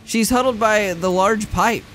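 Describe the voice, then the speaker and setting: A person reading visual novel narration aloud in a somewhat halting way. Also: medium pitch, a bit bright, a little hiss or hum, low-quality recording. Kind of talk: live read-aloud of visual novel script, narration and dialogue.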